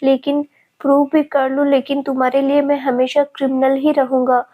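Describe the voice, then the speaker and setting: A woman's voice: high-pitched, little pitch movement, moderate pace, narrow, tinny audio, close to an everyday voice. A woman voicing a remorseful young man who pleads tearfully with the woman he loves. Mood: pleading.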